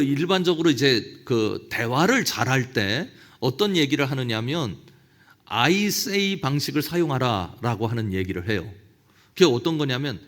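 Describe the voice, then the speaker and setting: Male pastor, middle-aged, seminar sermon; higher voice with wide swings, tells stories and acts out quoted prayers. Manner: storytelling, with quoted prayers acted out. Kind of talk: lecture-style sermon at a church officers' seminar.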